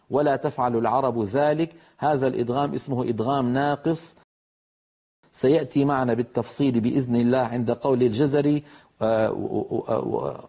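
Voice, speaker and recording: A man teaches Quranic recitation, with a mellow, dark voice. He explains at a measured pace and slows down to demonstrate each pronunciation. His pitch sits in the ordinary middle range for a man. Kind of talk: televised tajweed lesson.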